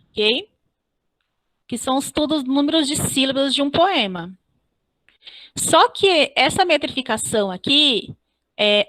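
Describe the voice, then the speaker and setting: A woman teacher giving an online class. She explains step by step, spells out syllables slowly and keeps checking with "ok?". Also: high-pitched, sharp tone, dry recording. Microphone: computer mic on a video call.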